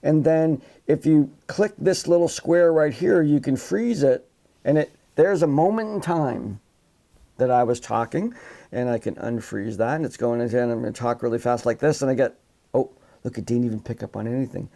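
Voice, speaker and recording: A male psychology instructor lecturing live over his computer mic. His voice is mellow and dark, with a gravelly edge, and he rambles casually, doubling back on his words as he explains. The delivery is loose and conversational. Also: mid-range voice, moderate pace. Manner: casual, rambling with restarts, demonstrates sounds with his voice. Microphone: computer microphone.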